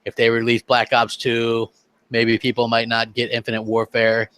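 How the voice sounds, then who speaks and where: A man co-hosting a casual gaming podcast chat, animated and fond of mimicking others. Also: mid-range voice, moderate pace, clear, resonant tone, no room sound. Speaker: co-host.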